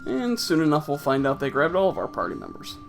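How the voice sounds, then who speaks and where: A man's voice: a little high, wildly swooping pitch, fast, creaky, soft background music. A man casually commenting on his own gameplay with wry, offhand, sarcastic asides. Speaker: let's play host.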